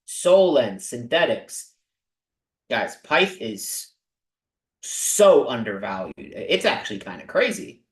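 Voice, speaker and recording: A man hosting a livestream, talking casually and excitably to his viewers with lots of asides. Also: mid-range voice, takes it slowly, roomy sound, low-quality recording. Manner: excitable, talks to viewers directly with many asides. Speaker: crypto livestream host. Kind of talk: casual livestream talk about investing.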